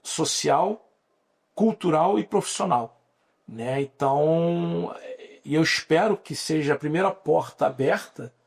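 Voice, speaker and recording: Being interviewed on a podcast, a Brazilian lawyer in his forties speaks with a Brazilian Portuguese accent in a slightly high, breathy-edged voice. He explains at great length, often restarting.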